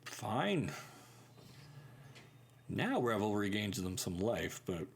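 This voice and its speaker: A man's voice: lowish voice, sing-song, slow pace, gravelly, a little hiss or hum. A man hosting a card-game channel, thinking aloud and commenting on his plays in an upbeat way. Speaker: gaming channel host. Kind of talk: casual gameplay commentary.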